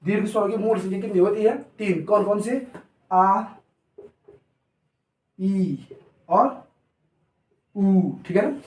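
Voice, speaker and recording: High-voiced man drilling a class. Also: takes it slowly, pauses often, a little mellow, far from the mic. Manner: repeats questions and answers them himself, drilling. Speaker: teacher. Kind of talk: classroom lecture with call-and-response. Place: coaching classroom. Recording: echoey room, voice off-mic.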